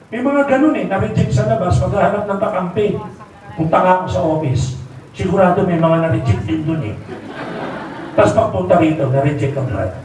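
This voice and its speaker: A middle-aged man with a Filipino accent giving a motivational seminar talk, asking the crowd rhetorical questions and acting out quoted voices. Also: sits high. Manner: rhetorical, keeps asking the audience "di ba?" and "tama?". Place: large hall, live seminar. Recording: very echoey hall, distant mic, faint noise.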